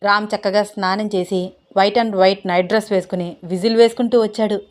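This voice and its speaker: A female storyteller reading a romance serial in a gentle, unhurried way. Her voice sits in a plain middle pitch. It is a calm, steady narration.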